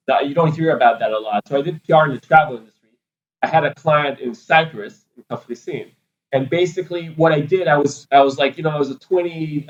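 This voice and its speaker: A man's voice: medium pitch, poor audio. A man in his thirties from Israel, answering interview questions in a loose, rambling way full of fillers. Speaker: podcast guest, PR agency founder.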